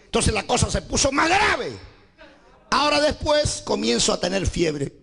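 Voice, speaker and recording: High-pitched gravelly preacher man, shouting. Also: very animated, normal speed. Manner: dramatic, often bursts into shouts; rallies the congregation to clap. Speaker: testimony speaker at a church service. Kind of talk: dramatic testimony preaching.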